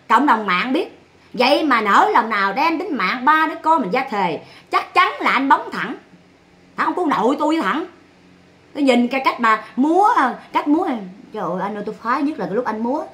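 Southern Vietnamese woman streamer, high bright voice, blunt and mocking. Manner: scolding, sarcastic, blunt. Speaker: livestreamer. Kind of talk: ranting livestream commentary.

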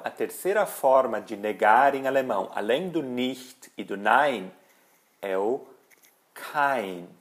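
Slow, deliberate male language teacher. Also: mid-range voice. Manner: slow, deliberate, spells out example phrases. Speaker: German teacher. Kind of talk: language lesson.

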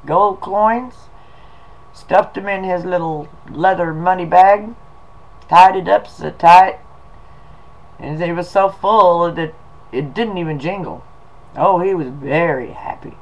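Slow, folksy sounding man. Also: sits high, rough recording. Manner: folksy, slow, drawling delivery with y'all and 'em. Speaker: video blogger. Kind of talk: casual reading and storytelling.

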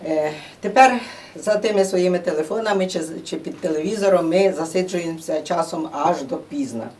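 Жінка пояснює публіці, далекий мікрофон. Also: female voice, lowish voice, fairly quick, darkish tone. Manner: explanatory, chatty, with many fillers. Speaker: presenter at a museum gathering. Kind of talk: informal talk to a small audience. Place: indoor museum room. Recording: distant room microphone.

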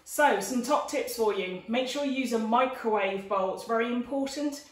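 A woman in her forties, her voice a little high, talks at normal speed as she presents an informal cookery demo to camera. She's in a domestic dining room, and the distant camera mic a few steps away gives a roomy sound.

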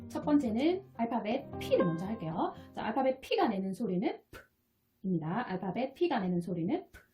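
Lively-voiced woman teaching phonics. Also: medium pitch, moderate pace. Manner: patient step-by-step teaching, repeats sounds. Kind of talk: explaining lesson. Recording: soft guitar music behind. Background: quiet guitar music.

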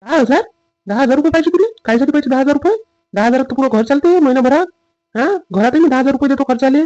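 A man playing a dutiful husband and son in a family drama skit, with a rapid, lecturing manner. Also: very high voice, animated, darkish tone, no echo, muffled recording, faint music behind.

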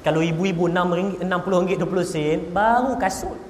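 A man with a Malaysian Malay accent preaches in a bright, high register, telling jokey anecdotes and talking straight to the crowd. His voice rings around a large hall with a long reverb tail. A faint hum of room noise sits underneath. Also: fast. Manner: joking, storytelling, addresses audience directly. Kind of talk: humorous religious lecture.

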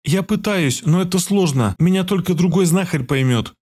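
Man putting on a high shy young healer girl. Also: animated, moderate pace, husky. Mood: earnest. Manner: high, soft and pleading.

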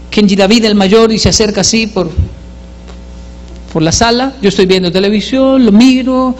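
A man doing stand-up storytelling, animated and self-mocking, acting out the voices of his family. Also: high-pitched, long reverb tail. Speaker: comedian.

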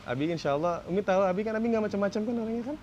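Coaxing Indonesian husband filming a prank. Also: male voice, sits high, rapid-fire, dull audio, background noise. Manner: coaxing and tender, then loud and laughing at the reveal. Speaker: husband running a prank on his wife. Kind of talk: casual home prank vlog.

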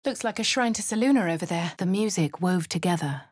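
A woman's voice: fairly low pitch, animated, fairly quick, husky, dry recording, clean studio sound. An actress voicing a posh female adventurer with a posh English accent, delivering cool, wry game lines and narration. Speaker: player character. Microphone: close studio mic, dry.

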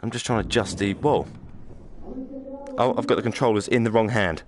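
Man, low voice, game stream commentary, chatty, joking. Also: a little fast, a crowd in the background. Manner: chatty, joking, reads game lines aloud. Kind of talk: live let's-play commentary.

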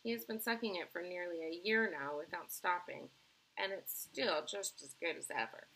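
A woman's voice: on the low side, moderate pace, pushed and bright, rough recording. Wonka, as a woman reading aloud puts him on. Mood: excited. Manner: eager, emphatic, exclamatory. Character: excitable eccentric male candy-maker, grown man.

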